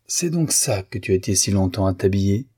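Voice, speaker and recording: A kind young man speaks with gentle sadness, as a man reads him. The tone is dark and mellow. The recording is dry and close. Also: low voice, lively intonation, fairly quick, breathy edge, no echo. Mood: sad. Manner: sad, gentle.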